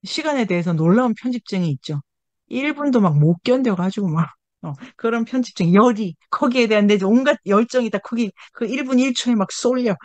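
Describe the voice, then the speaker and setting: Lively woman leading a book seminar. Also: fairly high pitch, fairly quick, dry recording. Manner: lively, acts out scolding voices, laughs often. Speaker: seminar leader. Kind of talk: reading and commenting on a book in a seminar.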